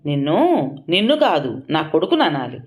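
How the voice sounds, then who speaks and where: A woman's voice: on the low side, lively intonation, brisk, natural voice. A woman voicing a proud, bossy mother-in-law who scolds indignantly. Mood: indignant, scolding.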